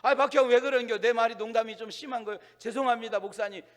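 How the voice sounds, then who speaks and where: A flustered, apologetic church elder, played by a male preacher, talking in a rushed, sorry way. The voice is high for a man and echoes through a large reverberant hall. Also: steady tone. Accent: Chungcheong.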